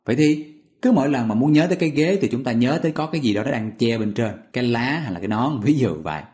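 Male teacher, mid-pitched, patient and repetitive, walks learners through each word. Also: animated, fast, darkish tone. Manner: patient, repetitive, asks listeners questions. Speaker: English vocabulary teacher. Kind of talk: explaining memory tricks step by step.

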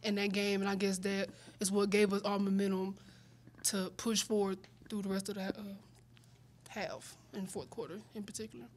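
A young woman player speaks steadily into a table mic at a press conference. Her pitch stays even and level, with a faint hum of room noise behind. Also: normal speed. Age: young adult. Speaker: college basketball player. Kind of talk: post-game press conference answers. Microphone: table mic on stand.

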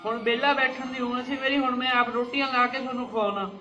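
Despairing old farmer dad, tearful and lamenting, played by a man; high voice, roomy far-off take. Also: steady tone, quick pace. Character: indebted old farmer father, weeping and despairing. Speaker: father. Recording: distant, dull, echoey room.

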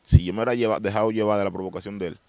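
A young man telling his testimony in a rapid, streetwise way, often asking if he's understood. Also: fairly low pitch, fairly even intonation, mellow, dry recording. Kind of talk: casual storytelling testimony.

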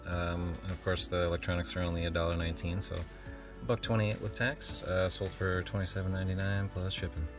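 Low-pitched and brisk, with little pitch movement, an online reseller narrates his shipping vlog in a casual, rambling, matter-of-fact way full of filler words. Music plays behind his voice.

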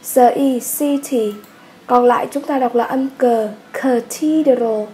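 A Vietnamese woman walks students through an English workbook in a high, mellow voice. She speaks patiently and says words over slowly for her class. A faint noise sits behind her. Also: flat delivery. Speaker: English teacher. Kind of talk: workbook lesson walkthrough.

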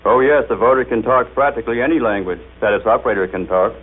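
A man at a middling pitch, jovial and explanatory, leading a scripted radio demonstration. His voice is squeezed into a thin, phone-like band, as on a 1939 broadcast recording. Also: quick pace. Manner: jovial, explanatory, coaxing the machine.

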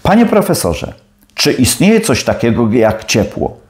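A calm, firm young student, as a man reads him. He replies politely and steadily. The delivery is slow, with lively pitch movement. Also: echoey room.

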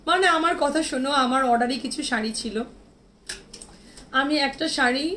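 A woman's voice: fairly high pitch, a bit bright, a little hiss or hum. A woman hosting a live clothing sale, chatting casually and answering viewer comments while showing dresses. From Bangladesh. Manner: chatty, reads out and answers viewer comments, mixes in English words. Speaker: online boutique seller hosting a live sale. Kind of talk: live-stream sales chat.

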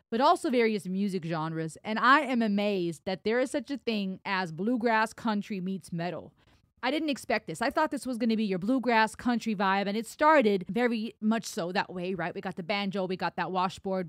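A German woman in her thirties, a native German speaker, gives a casual music reaction in her home studio, animated and gesturing as she reads lyrics aloud. She uses a broadcast mic on a boom arm and wears headphones, and there's no room sound.

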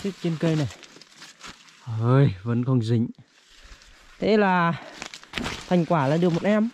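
A man with a fairly high voice hosts a casual outdoor vlog. He talks chattily, hesitating and doubling back on words. Faint outdoor noise sits behind him. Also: animated, unhurried. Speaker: vlogger, host. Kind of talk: casual outdoor vlog chat while walking. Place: outdoors in forest.

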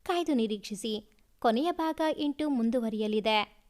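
A woman storyteller giving scripted narration of a family love story in an even storybook manner. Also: fairly high pitch, measured pace.

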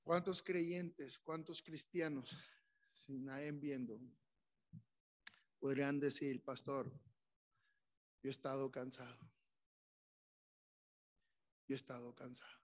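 A man's voice: medium pitch, steady tone, slow, pauses often. A man preaching as pastor, giving an emotional altar call and voicing the prayers of his listeners. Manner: pleading, emotional, voices the congregation's prayers. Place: church sanctuary.

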